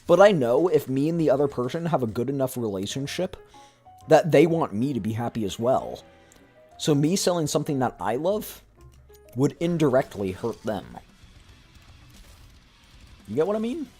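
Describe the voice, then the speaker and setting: Brief: young male streamer, husky voice, lively swings in pitch, casual rambling. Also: normal speed, pauses often, faint music behind. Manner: rambling, many fillers and restarts. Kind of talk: casual gaming chat.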